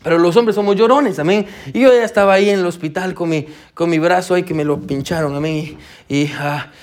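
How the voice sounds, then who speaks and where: A young man preaching a sermon to his congregation, halting with fillers and repeated words and often saying amen. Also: sits high. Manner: addresses the congregation as brother and sisters.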